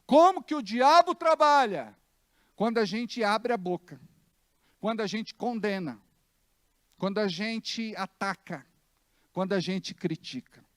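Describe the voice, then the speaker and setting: A Brazilian pastor preaches a sermon in church, emphatic and acting out his anecdotes, with a Brazilian Portuguese accent. His voice sits high and a bit bright, captured in a dry, clean studio recording.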